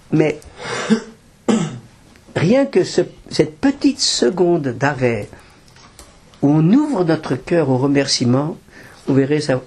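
A man's voice: medium pitch, a little mellow, husky. An older man, a rabbi, teaching a Torah class with practical advice and Hebrew terms woven in. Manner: explanatory, practical tips, mixing in Hebrew terms.

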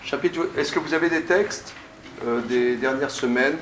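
A male teacher giving a classroom lecture, often stammering and restarting, stressing points with drawn-out phrasing. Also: mid-range voice. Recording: echoey room, distant mic, faint noise.

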